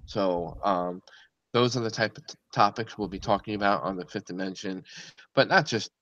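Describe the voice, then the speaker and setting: A man's voice: on the low side, moderate pace, fairly bright tone, lo-fi sound. A man co-hosting a podcast, talking in a rambling, earnest way with lots of fillers. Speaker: podcast co-host. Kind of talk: casual podcast chat.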